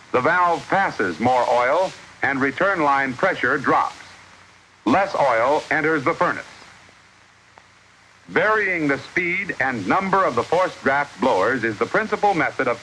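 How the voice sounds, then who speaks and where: A man's voice: mid-range voice, sing-song, measured pace, pushed and bright. A man narrating a 1950s educational film in the formal, instructive manner of an old newsreel narrator. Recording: noisy vintage 1950s film soundtrack.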